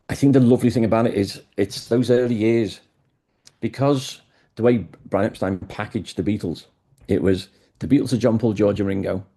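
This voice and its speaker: A man's voice: lowish voice, dark tone. A man who is a guest in an interview, telling stories with enthusiasm. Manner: enthusiastic storyteller. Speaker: guest, music historian. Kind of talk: conversational interview.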